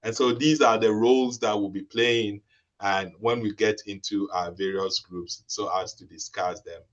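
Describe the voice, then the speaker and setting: A young man from Ghana, a researcher, speaking haltingly with many restarts on a video call. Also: on the low side, steady tone, highs cut off. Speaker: researcher and webinar participant. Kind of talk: explaining a role-play and introducing himself.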